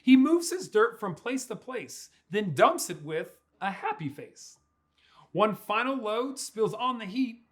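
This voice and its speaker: A young adult pastor reads a picture book aloud to children in a small, furnished indoor room. His voice sits high for a man and swings widely in pitch as he stretches out words in a playful, expressive, animated style. He takes his time, keeping a measured pace.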